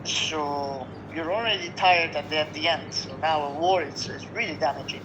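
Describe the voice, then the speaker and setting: A Lebanese restaurant owner with a somewhat high voice answers a news interview at a normal speed, earnest and weary, in short phrases he keeps restarting. The line sounds dull and lo-fi, with noise.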